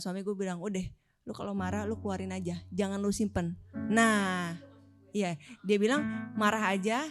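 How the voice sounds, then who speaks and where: A married woman, candidly telling a personal story on a faith talk show. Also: medium pitch. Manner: candid, reflective. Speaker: co-host. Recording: music playing under voice.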